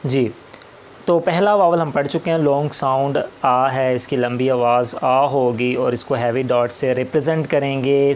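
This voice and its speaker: Slow, patient shorthand teacher man. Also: medium pitch, slight background noise. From Pakistan. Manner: patient and repetitive, often starting with "ji". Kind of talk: slow step-by-step classroom explanation.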